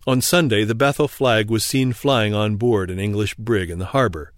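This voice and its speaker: A man calmly reading an old first-person sea memoir aloud in a measured, formal manner. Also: lowish voice, no echo, clean studio sound. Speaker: audiobook reader. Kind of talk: scripted narration of a memoir.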